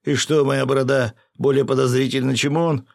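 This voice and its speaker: A man voicing a stubborn, loud male fisherman in an audiobook, whining and shouting his protests. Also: medium pitch, very animated, a little slow, gravelly, no room sound, studio quality, pitched above the performer's own voice, heavily acted. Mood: pleading. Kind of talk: audiobook character voice.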